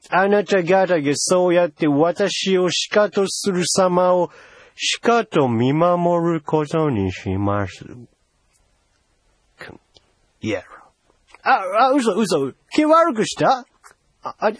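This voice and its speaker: A man's voice: sits high, no echo, heavily acted. A man playing a pushy, teasing older foreign envoy in a solo comedy sketch, wheedling in broken Japanese with English phrases. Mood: chatty teasing.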